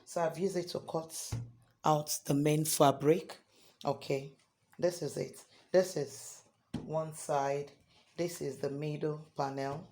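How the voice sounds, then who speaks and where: A hoarse man teaching a sewing tutorial step by step, often checking in with "okay?". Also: fairly high pitch, steady tone, slow pace, a little mellow. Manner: repeats points, ends lines with "okay?". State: hoarse from singing. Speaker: sewing instructor.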